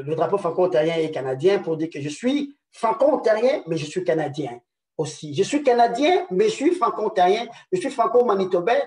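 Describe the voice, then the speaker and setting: A man delivers a conference talk in a slightly raised voice, stumbling over repeated small words and filling pauses as he searches for the next phrase. He keeps reaching out to the audience with rhetorical check-ins. The sound is echoey and picked up from some distance away. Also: high voice, a little mellow. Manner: hesitant, many repeated words and fillers; rhetorical "n'est-ce pas" tags. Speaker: conference speaker. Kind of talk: presentation lecture.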